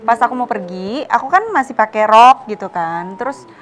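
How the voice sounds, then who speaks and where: A woman's voice: fairly high pitch, expressive, normal speed, a bit bright, a little hiss or hum. A woman guest on a television talk show, telling a personal story in a heartfelt, chatty way. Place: TV studio.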